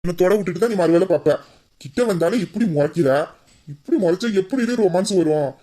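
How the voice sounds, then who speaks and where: A playful young husband teases his wife and will not let her go, as a voice actor plays him. His voice sits at a middle pitch. He coaxes her and often sinks into a soft, low murmur. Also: expressive, fast talker, close to an everyday voice. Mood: teasing. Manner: teasing, coaxing, drops to soft low murmurs. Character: playful teasing young husband, affectionate and persistent. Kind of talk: romantic audio drama.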